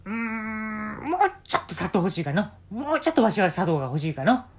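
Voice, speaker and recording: A husky-voiced man voicing a bossy old man in work robes who turns out to be a talking fallen leaf, in a drawling old-fashioned way of speaking. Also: sits high, animated, brisk, pitched above the performer's own voice. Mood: grumbling.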